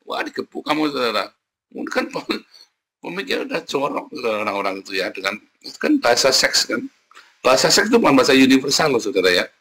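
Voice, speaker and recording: A man preaching a lively, animated sermon as pastor, addressing the congregation often and breaking into playful sound effects. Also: medium pitch, fast, a little hiss or hum. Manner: addresses the audience as "saudara" constantly.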